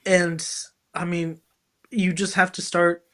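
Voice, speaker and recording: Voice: mid-range voice, level tone, takes it slowly, a bit bright. A co-host on a casual soccer talk show, chatty and full of "like" fillers.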